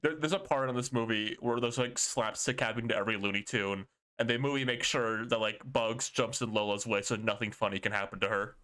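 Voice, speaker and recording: A man's voice: fairly low pitch, fairly even intonation, a little fast, few pauses, sharp tone, smooth. A man co-hosting a podcast in casual chat, opinionated, dry and blunt in his takes. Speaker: podcast co-host.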